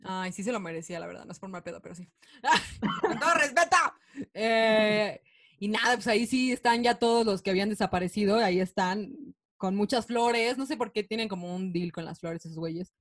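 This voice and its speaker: A woman's voice: medium pitch, a little fast. A woman with a Mexican accent, co-hosting a casual film chat, retelling scenes in a chatty, slangy way with swearing. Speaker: podcast co-host.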